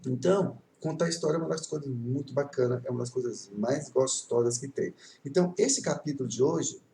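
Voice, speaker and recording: A man's voice: mid-range voice, fairly quick, creaky, dark tone, a little hiss or hum. A male teacher with a Brazilian Portuguese accent telling stories in a chatty, rambling way to his class, often checking in with his students. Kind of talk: casual online class storytelling. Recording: echoey room, voice from a distance.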